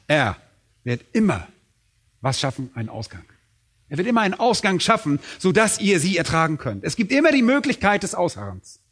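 A middle-aged man preaching a sermon, emphatic, asking questions and answering them himself. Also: on the high side. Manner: emphatic, asks and answers his own questions.

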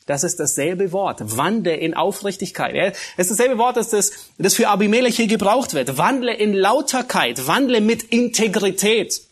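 A man preaching an expository sermon in a husky, slightly high voice. He reads scripture slowly and builds to emphatic peaks. He often stumbles and repeats words as he explains.

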